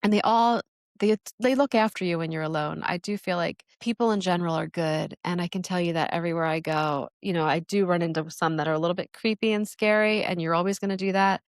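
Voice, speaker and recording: A chatty middle-aged woman from New Jersey tells a travel story on her podcast, laughing often and bouncing into lively quoted voices. Her voice sits low with a gravelly edge. It is recorded close and dry, with no room sound. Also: fast, dry recording. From New Jersey, USA. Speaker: podcast host. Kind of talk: casual storytelling.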